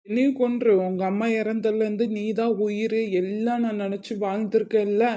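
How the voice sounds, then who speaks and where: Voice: medium pitch, flat delivery, a little fast, dark tone, close to an everyday voice. A voice actor playing a proud, loving middle-aged father in a cartoon, firm and reassuring, with a Tamil accent.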